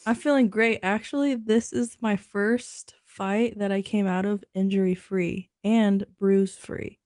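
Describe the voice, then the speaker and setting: A woman's voice: medium pitch, fairly even intonation, measured pace, darkish tone, no room sound, clean studio sound. A woman guest on a casual livestream chat, bubbly and giggly. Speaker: guest fighter.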